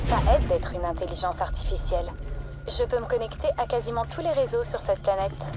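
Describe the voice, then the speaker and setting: An actress voicing a calm, composed female artificial intelligence that guides the player, speaking as a computer voice over a comm link in a video game. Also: on the high side, a little fast. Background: loud game music.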